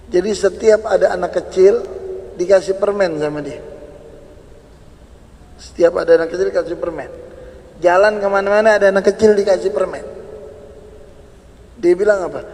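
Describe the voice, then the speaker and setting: Man preaching, high gravelly voice, long hall reverb, animated storytelling. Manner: animated storytelling, rising to emphatic repetition. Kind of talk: sermon storytelling.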